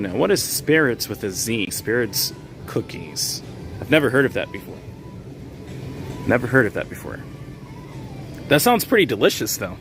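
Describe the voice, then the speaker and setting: A man with a medium-pitched, slightly bright voice hosts a casual livestream while shopping indoors at a grocery store. He chats with viewers and reads their names aloud, using easy fillers and small laughs, and there is a little hiss or hum on the audio.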